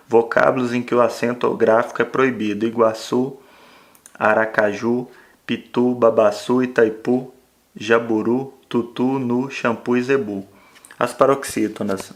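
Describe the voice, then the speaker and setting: A man, a teacher giving a recorded grammar lesson. He explains step by step and often ends phrases with a quick tag question. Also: mid-range voice.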